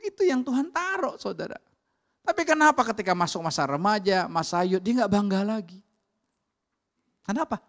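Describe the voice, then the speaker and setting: A man with an Indonesian accent preaching a conversational sermon to his congregation. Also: high voice. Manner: animated storytelling with acted quotes. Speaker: pastor.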